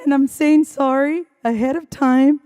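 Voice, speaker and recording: A woman school principal with a hoarse, strained voice gives an earnest, heartfelt welcoming address to students and families at a ceremony. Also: high-pitched, fairly even intonation, unhurried, dark tone. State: hoarse, losing her voice. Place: school event venue, indoors.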